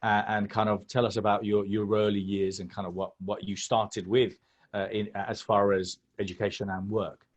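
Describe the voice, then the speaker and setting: A man's voice: on the low side, little pitch movement, normal speed, lo-fi sound. A man hosting an interview series, introducing a guest and asking questions while often repeating his phrases. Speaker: host and founder.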